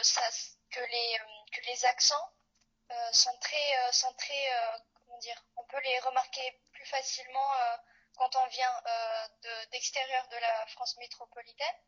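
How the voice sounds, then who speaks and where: Bright, high-pitched woman interviewer. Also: lo-fi sound. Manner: hesitant, pausing mid-question. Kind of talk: casual interview questions.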